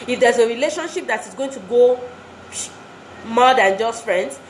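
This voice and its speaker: A woman's voice: fairly high pitch, animated, moderate pace. A woman giving an earnest motivational talk to wives, exhorting and repeating phrases for emphasis. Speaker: speaker addressing wives. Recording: roomy echo, faint background noise.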